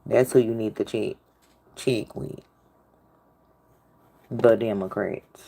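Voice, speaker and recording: A woman's voice: extremely low pitch, fairly even intonation, very slow, vocal fry, mellow. A woman hosting a casual livestream, talking back to her chat in a sassy way. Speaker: livestream host.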